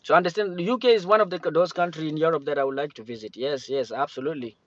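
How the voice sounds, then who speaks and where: A Cameroonian man hosts a relaxed livestream chat, halting, with many restarts and fillers. His voice sits a bit high for a man, and the dull lo-fi stream audio is dry and close, with no room sound.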